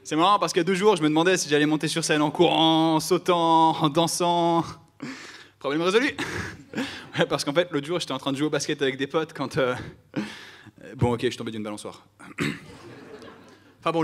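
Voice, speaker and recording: A man's voice: on the high side, a little fast, long pauses. A man doing stand-up comedy with self-mocking storytelling.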